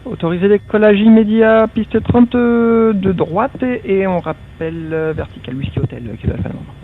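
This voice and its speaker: A man speaking as a pilot over the radio, giving readbacks to the tower in a somewhat halting way. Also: sits high, a little hiss or hum. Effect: aviation radio transmission. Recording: tinny narrowband aviation radio.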